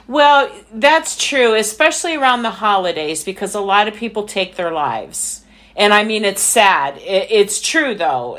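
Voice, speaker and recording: A woman co-hosts a faith podcast in an unhurried, drawn-out way. Her voice sits at an ordinary middle pitch. She sounds earnest and reflective, as in casual conversation. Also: fairly bright tone. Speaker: podcast co-host.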